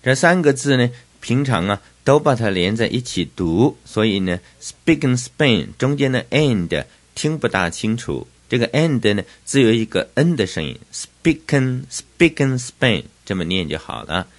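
An older man teaching English vocabulary in Chinese, spelling words out letter by letter and slowing down on each English term. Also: on the low side, sing-song.

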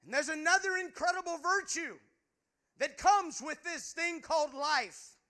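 Unhurried and sharp-toned, a very high-voiced male preacher gives a fervent sermon in church. The pastor speaks earnestly, stumbling as he repeats words.

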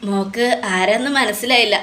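A woman voicing a patient caretaker who speaks in a gentle, coaxing way. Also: medium pitch, fairly even intonation, a little fast, close to an everyday voice.

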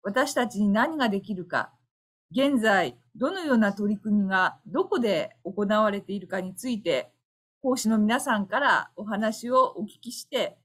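A woman's voice: mid-range voice, slightly rough. Earnest woman giving a formal opening address. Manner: polite, earnest, with occasional fillers. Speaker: bar association president giving opening remarks. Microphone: online webinar audio.

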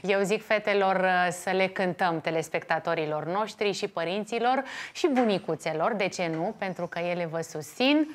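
A woman's voice: on the low side, few pauses, slight background noise. A woman co-hosting a morning TV show, teasing her co-host in chatty banter and thanking viewers.

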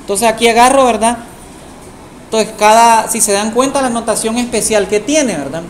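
A woman teaching software to a class, tagging nearly every phrase with a questioning aside, recorded in a classroom with students present. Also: a little high, moderate pace. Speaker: programming teacher. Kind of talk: live classroom software tutorial. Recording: echoey room with faint background noise.

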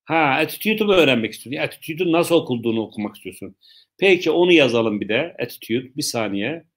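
A man teaching English in a live online lesson, explaining slowly, repeating himself and joking with viewers' questions. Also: medium pitch, lively intonation, a bit bright.

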